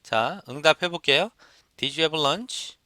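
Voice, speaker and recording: A male instructor walks through listening questions, repeating each example and prompting his students to say it back. His voice is bright and forceful, smooth and crisp, and it sounds close and dry with no room echo. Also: on the high side, animated, slow pace. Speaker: English test instructor. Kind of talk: lecture.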